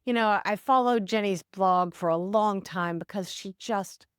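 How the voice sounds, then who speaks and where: A woman's voice: mid-range voice, unhurried, clear, resonant tone, no room sound, studio quality. A woman hosting a casual travel vlog, chatty and upbeat, talking straight to her viewers, with some scripted voice-over. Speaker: vlog host.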